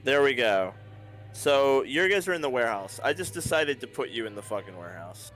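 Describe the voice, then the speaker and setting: A man's voice: medium pitch, sing-song, fairly quick, fairly bright tone, low-quality recording. A man acting as game master, casual and offhand, swearing while he sets up the map. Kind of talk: running a tabletop game.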